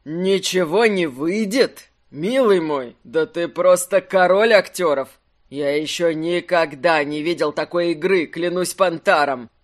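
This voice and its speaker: A narrator voicing an elderly male actor who speaks low, soft and affectionately in an audiobook. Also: measured pace, natural voice. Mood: delighted. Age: older. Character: old kindly male actor, fatherly and warm. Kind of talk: audiobook character voice.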